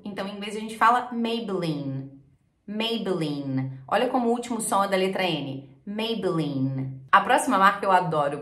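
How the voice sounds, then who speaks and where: A woman from Brazil teaching English pronunciation, repeating each word slowly and clearly. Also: on the high side, roomy sound. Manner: repeats words slowly and clearly, lively explaining. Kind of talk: pronunciation lesson.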